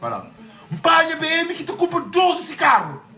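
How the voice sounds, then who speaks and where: Man, high voice, swings up and down a lot, boastful, mixes in French, casual live stream. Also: huge pitch swings, moderate pace, bright, forceful tone. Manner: boastful, switches between Portuguese and French. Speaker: livestreamer. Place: at home. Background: faint music.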